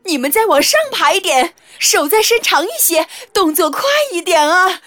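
A woman voicing a mean, bossy mother of three daughters in an audio storybook, shrill and nagging. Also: moderate pace, sharp tone, dry recording, soft background music.

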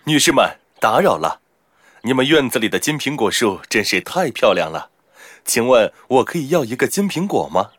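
A man's voice: mid-range voice, big pitch swings, normal speed, a bit bright. A man voicing a courteous young knight in a children's audio story, gallant and polite.

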